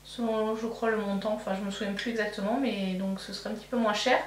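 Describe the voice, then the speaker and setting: A woman's voice: medium pitch, steady tone, fast talker, far from the mic. Chatty woman doing her makeup, roomy sound. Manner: rambling, thinking aloud with many fillers and self-corrections. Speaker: beauty vlogger. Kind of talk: casual get-ready-with-me chat while doing makeup. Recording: echoey room, voice from off-mic, faint hum.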